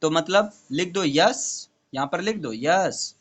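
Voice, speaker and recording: A man's voice: high voice, fairly quick, fairly bright tone. A male tutor teaching maths to a student, explaining step by step and checking in often. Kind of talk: classroom maths lesson.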